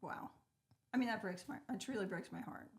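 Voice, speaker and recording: Woman hosting a chat show, middle voice, warm-hearted questions, keen to follow up. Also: medium pitch, brisk. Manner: empathetic, eager follow-up questions. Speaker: host. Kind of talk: casual interview conversation.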